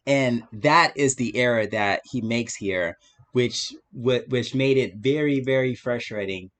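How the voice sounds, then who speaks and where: A man hosting a live stream with casual, opinionated commentary, preaching his views, repeating phrases for emphasis and often checking in with the listener. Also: medium pitch.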